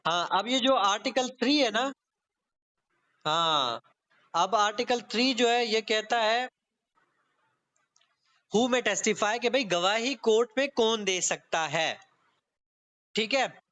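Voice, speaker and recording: A man teaches law in an online exam-prep class, methodically explaining and reading clauses aloud while mixing English terms into his speech. He speaks in a high, pushed and bright voice, slowly and with long pauses.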